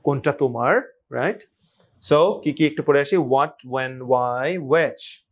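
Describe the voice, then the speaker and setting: A male teacher leads a spoken lesson at an unhurried pace. He drills each word by saying it over and over and prompts viewers to repeat after him. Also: mid-range voice. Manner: slow, repeats words for drill, asks viewers to say them aloud. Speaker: English pronunciation teacher.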